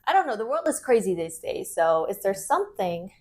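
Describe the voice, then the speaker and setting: A woman's voice: mid-range voice, big pitch swings, a little fast, darkish tone. A young woman from Korea co-hosting a podcast, chatting casually with lots of "like" and easy laughs. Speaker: podcast co-host. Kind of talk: casual chat.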